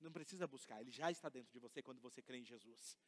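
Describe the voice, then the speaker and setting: A man's voice: mid-range voice, racing. A man preaching a sermon, telling a story and acting out the voices in it with animation. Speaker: pastor. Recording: long hall reverb.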